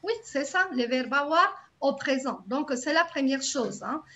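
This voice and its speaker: Woman, teaching French online. High, unhurried, lo-fi call audio. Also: lively intonation, sharp tone, a little hiss or hum. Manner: patient, repeats words slowly and checks for understanding. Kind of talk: live online class teaching grammar.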